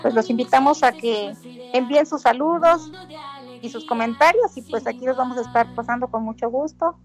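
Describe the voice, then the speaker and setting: A woman's voice: on the high side, moderate pace, faint music behind. A woman hosting a community radio show, thanking guests and staff with many filler words. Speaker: radio host.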